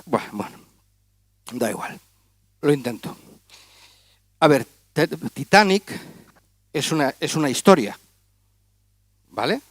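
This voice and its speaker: A man's voice: on the high side, big pitch swings, takes it slowly, pauses often, no room sound. A man doing comic stage patter as a magician, teasing and chatting with volunteers in front of a gala audience. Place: auditorium stage.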